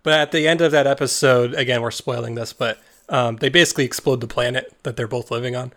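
A man's voice: mid-range voice, steady tone, fast, a bit bright. A man hosting a casual podcast, chatting loosely. He rambles and restarts his sentences often, trailing off as he explains. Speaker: podcast host. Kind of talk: casual chat.

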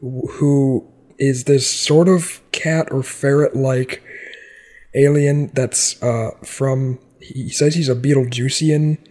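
A man co-hosting a relaxed podcast conversation. He explains things in quick, chatty bursts, sprinkled with fillers. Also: medium pitch. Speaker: podcast co-host. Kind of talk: casual chat.

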